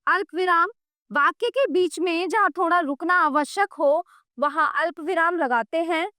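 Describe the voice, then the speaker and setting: A woman's voice: very high-pitched, normal speed, sharp tone, dry recording, clean studio sound. A woman teaching a grammar lesson to children, patient and explanatory, often checking in with "okay".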